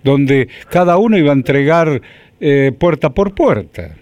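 A man in his seventies with an Argentine accent interviews on the radio, his pitch swinging widely as he prompts and praises. His voice sits slightly high, and the recording is close and dry. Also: expressive, measured pace, no echo, muffled recording. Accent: Argentine Spanish. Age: 70s. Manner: warm, effusive, prompting questions.

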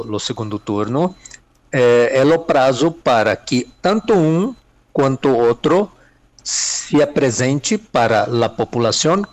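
Slow, halting Mineiro Brazilian man. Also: mid-range voice. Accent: Mineiro Brazilian Portuguese. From Minas Gerais, Brazil. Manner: hesitant, many fillers and repeated words; mixes Spanish words into Portuguese. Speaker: political analyst guest. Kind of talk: interview answers.

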